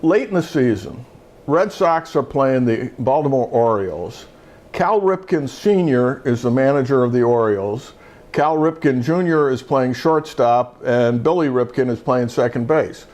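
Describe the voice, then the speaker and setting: A man's voice: mid-range voice, expressive, measured pace, a little mellow. Older man telling a rambling anecdote. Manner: rambling anecdotes full of restarts and fillers. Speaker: show host, retired judge. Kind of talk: casual storytelling chat.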